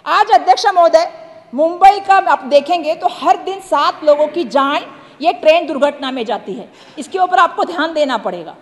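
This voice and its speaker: A woman's voice: high voice, moderate pace. A woman from Maharashtra giving a parliamentary speech, speaking emphatically and repeatedly addressing the chair. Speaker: member of parliament. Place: large parliament chamber. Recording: echoey chamber reverb.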